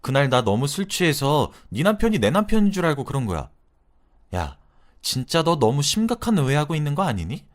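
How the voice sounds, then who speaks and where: A man doing a shrill, brazen woman friend. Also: very animated, a little fast. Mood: indignant. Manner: shrill defensive shouting. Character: brazen woman friend caught flirting, defensive. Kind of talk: radio drama acting.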